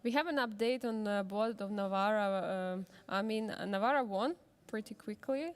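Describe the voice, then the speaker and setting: A woman's voice: medium pitch, moderate pace, clean tone. A woman acting as co-commentator on a live chess broadcast, adding short remarks and move updates. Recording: reverberant hall acoustics.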